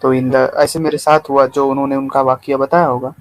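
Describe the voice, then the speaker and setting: A man who is a guest in an online debate, calm and questioning. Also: medium pitch, fairly quick.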